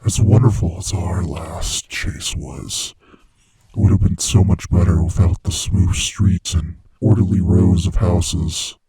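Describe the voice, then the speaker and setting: In a horror ASMR roleplay, a man plays a sadistic, playfully menacing monster under the bed, his low, breathy, raspy voice often sinking into whispers as he taunts the listener. The delivery is heavily acted, slow and savoring, with fairly even intonation, no echo and a rough recording, and the mood is sinister and delighted.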